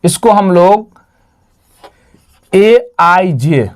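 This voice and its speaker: A man's voice: sits high, animated, extremely slow. A man teaching a math lesson, repeating each term and asking and answering his own questions. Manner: repetitive, quizzes himself with questions and answers.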